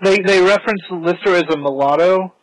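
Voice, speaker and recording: A man's voice: sits high, a little fast, dry recording, rough recording. A man hosting a casual podcast, chatting about a show while watching it and laughing at his own jokes. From United States. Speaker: podcast host.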